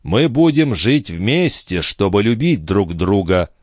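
Man doing a proud ambitious man, measured and soothing, low, slow, audiobook, dry. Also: big pitch swings, no echo, heavily acted. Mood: calm. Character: ambitious man, calm, proud, tender but cool. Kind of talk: audiobook reading.

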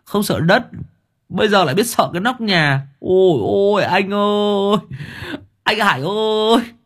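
A man's voice: sits high, unhurried, fairly bright tone, voice pushed up. A man voicing a cheeky younger brother who teases in a sing-song way. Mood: teasing.

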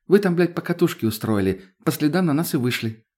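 A man's voice: on the high side, lively intonation, brisk, darkish tone, pitched above the performer's own voice. A man doing a brash, foul-mouthed young woman. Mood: scolding. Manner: crude, snappy, hot-tempered.

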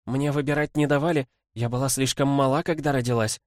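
A man voicing a fierce, desperate young village girl in a storybook reading, speaking high and urgently. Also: steady tone, brisk, dry recording, studio quality, natural voice. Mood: wary.

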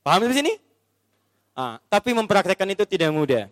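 A man's voice: high-pitched, sing-song, brisk, dry recording, long reverb tail. A man preaching a sermon, telling a story by acting out its scenes and putting questions to his audience.

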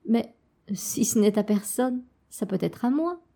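Une conteuse qui joue une fillette têtue et impatiente. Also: female voice, a little high, expressive, measured pace, gravelly, warm tone, full character voice. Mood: insistent. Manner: eager, insistent. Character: stubborn little girl, hat lover.

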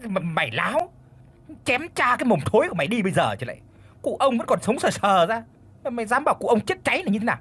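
A man's voice: a little high, expressive, brisk, fairly bright tone. A man voicing an imperious old village matriarch who scolds her servants and wails. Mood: scolding. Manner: scolding, wailing, crude threats.

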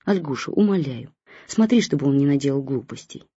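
A woman reading an audiobook, voicing a grumpy, frail old man who is bossy and reproachful and makes dark jokes. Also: rumbling low, expressive, a little fast, husky, dry recording, heavily acted. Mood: pleading. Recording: dull lo-fi recording.

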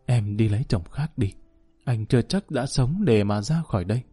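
Brief: steadfast gaunt ex-prisoner husband, calm and serious, as a narrator puts him on. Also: male voice, mid-range voice, fairly quick, soft background music, close to an everyday voice. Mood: calm, grave. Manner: calm, grave.

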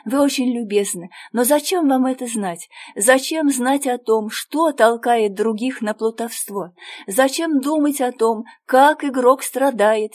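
A woman's voice: a little high, darkish tone. A woman voicing a remorseful young woman gambler in a storybook reading, pleading and earnest. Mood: anguished.

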